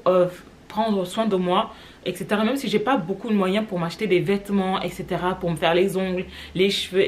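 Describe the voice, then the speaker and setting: A woman's voice: mid-range voice, slight background noise. A young woman from Cameroon with a French accent, chatting casually to her vlog audience, rambling with lots of fillers. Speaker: vlogger.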